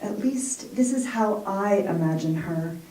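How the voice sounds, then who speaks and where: A woman's voice: mid-range voice, lively intonation, measured pace, warm tone. A woman poet and college English professor reading her poems, with casual, self-deprecating asides between them. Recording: roomy echo, mic far off.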